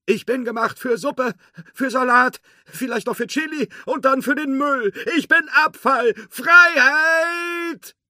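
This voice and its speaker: A man voicing a tiny, rebellious male spork toy in a storybook read-aloud, declaring things in a drawn-out, dramatic way. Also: no echo, clean studio sound, exaggerated voice. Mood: defiant. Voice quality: shrill and shouting.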